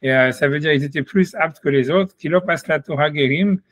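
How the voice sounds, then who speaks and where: A man teaching an informal Talmud lesson, thinking aloud in a halting way with many restarts. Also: a little high, dry recording. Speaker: Torah study teacher.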